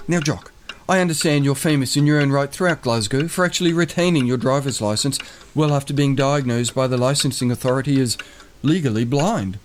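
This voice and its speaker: A man's voice: medium pitch, a little fast, slight background noise, close to an everyday voice. A man doing an earnest documentary reporter. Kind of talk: scripted mock narration.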